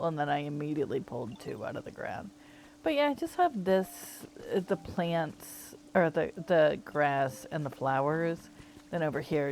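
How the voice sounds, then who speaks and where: Low, gravelly woman relaxing through gameplay. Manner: soft, easygoing, thinking aloud. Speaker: gaming streamer. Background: faint game music.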